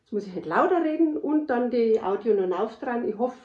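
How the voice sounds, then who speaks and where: A woman from the Bavarian Forest with a Bavarian accent, chatting loudly and laughing as podcast host. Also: fairly high pitch, lively intonation, brisk. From Bavarian Forest, Germany. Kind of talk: casual chat. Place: indoors at her parents' house. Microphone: camera microphone. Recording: roomy, dull camera-mic sound.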